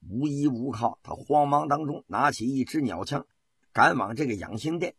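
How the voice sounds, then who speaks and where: Man, dramatic storytelling narration, dry studio sound, forceful tone. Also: mid-range voice, breathy edge, no room sound. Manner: dramatic, rhythmic, drawn-out particles. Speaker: radio storyteller. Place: radio studio.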